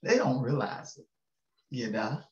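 An older pastor speaks at a measured pace in an expressive, mid-range, darkish voice. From his indoor home study full of bookshelves, he offers a relaxed, folksy devotional, chuckling and checking in with listeners. The webcam audio from the video call is echoey and a little dull.

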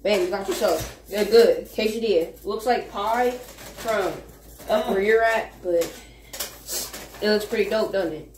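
A man's voice: sits high, unhurried, recorded from a distance. A young man in casual, slangy banter while helping cook in a home kitchen. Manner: laid-back slangy banter. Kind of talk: casual chat. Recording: roomy kitchen, off mic, noisy.

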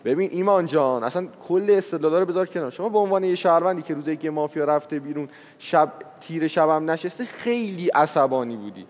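A man with a high voice argues emphatically while calling rivals by friendly names. His lines ring in a studio with long reverb. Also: expressive. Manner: emphatic, affectionate yet combative. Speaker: game show contestant. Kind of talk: heated argument in a party game.

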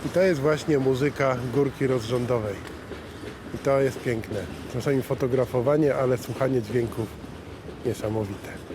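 Man, amateur photographer, mid-pitched, plain-spoken and reflective, clear urban background noise. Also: steady tone, normal speed. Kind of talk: personal documentary talk.

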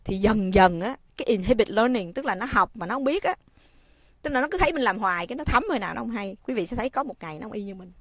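A woman hosting a casual livestream talk. She turns to her viewers often and speaks gently when she gives advice. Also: medium pitch, expressive, quick pace. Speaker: livestream host.

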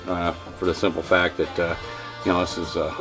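Man, lowish voice, folksy rambling how-to tech, faint music underneath. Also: monotone, a little fast. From Kentucky. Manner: folksy, rambling, lots of "uh" and "okay, y'all". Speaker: HVAC technician. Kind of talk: hands-on how-to demonstration. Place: home workshop with wood-paneled walls.

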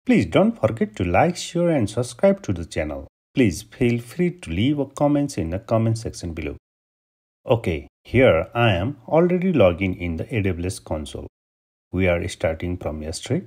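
A man from Nepal narrates a screen-recorded tutorial, giving clicks and steps one at a time. His voice is low and a little husky. His pitch swings widely from phrase to phrase. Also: normal speed. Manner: steady step-by-step instructions. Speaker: tutorial host.

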